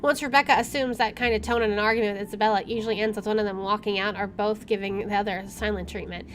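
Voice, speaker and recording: Fast and fairly even in intonation, this woman's mid-range voice reads story text aloud with expression during a let's play. She's a gaming YouTuber who adds casual asides, with game music behind her and a little hiss or hum.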